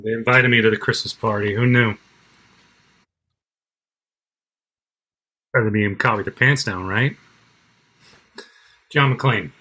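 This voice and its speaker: Woman putting on a gruff macho cop. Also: steady tone, moderate pace, bright, forceful tone, exaggerated voice. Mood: wry. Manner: wisecracking, low and husky. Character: gruff macho male New York cop.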